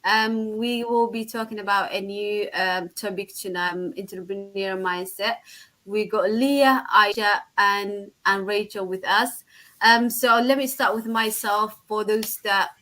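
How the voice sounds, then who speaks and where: A woman's voice: mid-range voice, fairly even intonation, measured pace, pushed and bright, rough recording. Hesitant woman hosting a live chat. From Somalia. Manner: hesitant, many ums. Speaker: host.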